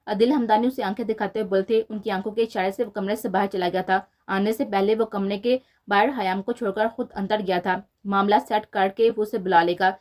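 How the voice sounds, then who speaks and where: A woman narrating a romance novel as scripted storytelling, in a steady, even reading manner. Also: mid-range voice.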